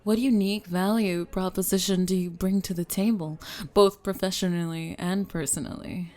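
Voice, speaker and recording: A driven, formal businesswoman, acted by a woman in an ASMR speed-dating role-play. Her voice sits a little low for a woman. She is brisk and to the point, quizzing her date like a job candidate. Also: fairly even intonation, mellow, natural voice. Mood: probing, assured.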